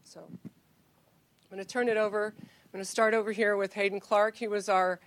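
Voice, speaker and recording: A woman's voice: mid-range voice, flat delivery, a little fast. A woman coach speaks at a team event. She rambles and restarts her sentences, with plenty of ums and uhs along the way. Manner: rambling, with many fillers and restarts. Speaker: cross country coach.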